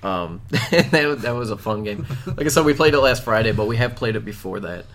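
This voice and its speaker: A man's voice: fairly low pitch, expressive, a little fast, fairly bright tone. A man hosting a casual group chat, rambling with fillers and laughing often.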